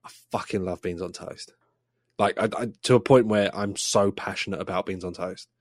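A man's voice: low-pitched, steady tone, moderate pace, no room sound, clean studio sound. A young English man co-hosting a podcast, talking enthusiastically and swearing casually. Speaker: podcast co-host. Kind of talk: casual chat.

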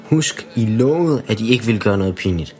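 A man's voice: lowish voice, animated, a little mellow, faint music behind, close to an everyday voice. A man voicing a schoolboy who is embarrassed by his father, in a children's story. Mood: muttering.

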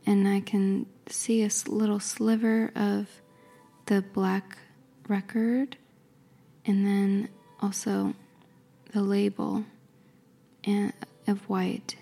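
A woman whispering softly and carefully, describing and reading aloud in an ASMR style. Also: mid-range voice, creaky. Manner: soft, slow, careful whisper. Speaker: ASMR creator.

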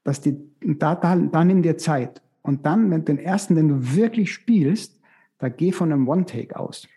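Gravelly, husky man giving casting advice. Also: a little high, normal speed, mellow. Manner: reflective, gives practical advice with many restarts. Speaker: casting director. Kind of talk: casual expert discussion.

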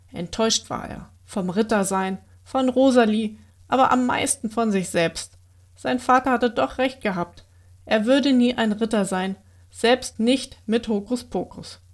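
A woman with a slightly high voice reading a bedtime story to young children. Her reading is gentle and expressive.

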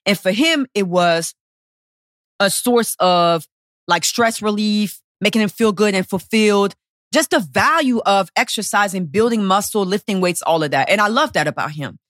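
A woman's voice: mid-range voice, lively intonation, normal speed, a bit bright, dry recording, studio quality. A woman in her thirties, a personal trainer hosting a podcast, telling a personal story in a blunt, profane, emotional way. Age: 30s.

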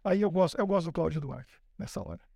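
Male pastor, lively storytelling sermon, quizzes the crowd, dry close sound. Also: on the high side, fast, gravelly, no room sound. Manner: lively storytelling, acting out the characters, asking the audience questions.

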